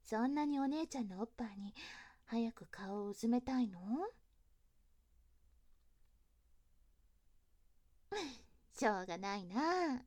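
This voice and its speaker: Woman performing teasing, tender big sister, ASMR role-play, bedside pillow talk, mellow breathy voice, unhurried, close and dry. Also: fairly high pitch, animated, dry recording, lightly acted. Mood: teasing, coaxing. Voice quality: soft, breathy. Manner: slow, coaxing, tender bedside murmuring. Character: doting, teasing big sister soothing her younger brother to sleep.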